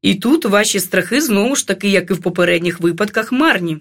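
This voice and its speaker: Woman doing a low-voiced sinister male doctor. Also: lively intonation, fast talker, fairly bright tone. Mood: soothing. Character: calm male psychiatrist doctor, quietly sinister.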